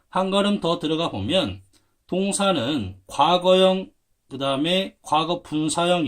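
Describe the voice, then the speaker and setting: Lively, high-pitched man teaching grammar. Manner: patient, spells words out letter by letter. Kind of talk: explaining at a whiteboard.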